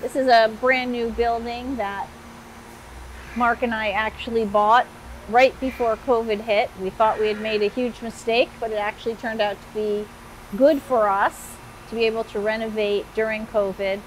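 A woman in her fifties, co-owner of a machine shop, speaking in a measured, matter-of-fact way on a lapel mic. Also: a little high, fairly even intonation, low-quality recording. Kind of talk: interview answers. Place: large bright machine shop floor, indoors. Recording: clear shop hum behind.

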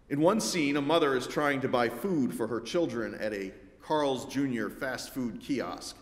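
Male pastor, mid-range voice, measured sermon delivery with wry dry humor; roomy church sound, long reverb tail. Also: medium pitch, fairly bright tone. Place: church sanctuary.

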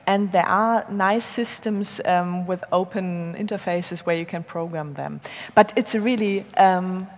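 A woman's voice: on the low side, unhurried. A woman on a discussion panel in a large atrium, talking loosely and chattily with fillers. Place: large glass atrium hall with audience. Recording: long hall reverb.

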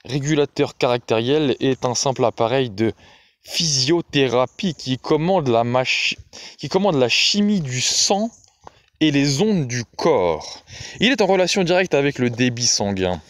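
A man's voice: mid-range voice, animated, normal speed, dry recording, close to an everyday voice. A man voicing a lecturing, condescending technocrat.

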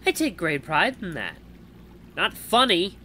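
A man's voice: sits high, very animated, unhurried, sharp tone, a little hiss or hum, pitched above the performer's own voice, full character voice. A man voicing a teasing, wry female beast-folk villager as he reads a visual novel aloud, with a dry, mocking way of talking.

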